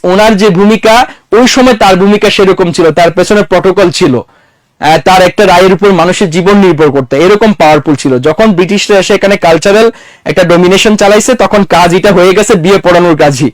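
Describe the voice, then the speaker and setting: A man's voice: high-pitched, dry recording. A man lecturing a classroom in a conversational way, quizzing his students and mixing English words into his talk. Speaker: teacher.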